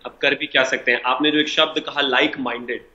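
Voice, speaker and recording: A man's voice: mid-range voice, steady tone, fairly quick, bright, forceful tone, echoey room. A party spokesman on a debate panel, speaking over a bad connection that keeps cutting out, firing off rhetorical questions. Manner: combative, fires rhetorical questions. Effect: bad connection, remote audio cutting in and out. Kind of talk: heated televised panel debate. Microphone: remote call link. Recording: dull lo-fi remote line, far from the mic.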